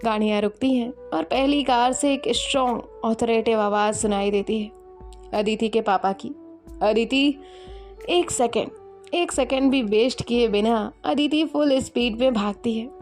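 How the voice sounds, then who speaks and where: A woman's voice: on the high side, steady tone, moderate pace, darkish tone, faint music behind. A woman narrating a romantic story and voicing every character herself with light acting. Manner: voices all characters in the same lightly acted tone.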